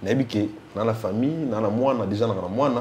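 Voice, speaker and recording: This man, a music fan spokesman with a Congolese accent, appears as a guest in a casual two-language interview. His voice sits on the low side, a little mellow and brisk, over slight background noise, and he speaks emphatically, often repeating himself.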